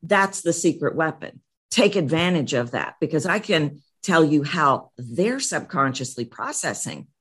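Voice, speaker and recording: A woman's voice: sits low, very animated, measured pace, fairly bright tone, husky. A middle-aged woman, a voice coach, speaking energetically and emphatically as an interview guest, often repeating phrases.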